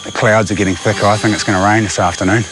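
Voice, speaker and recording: A man's voice: lowish voice, steady tone, very fast, very noisy. Blokey man with broad Kiwi accent. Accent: broad New Zealand. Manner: blokey, slangy. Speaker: survival show presenter. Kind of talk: casual commentary while working outdoors. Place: outdoors in tropical wetlands and on boats.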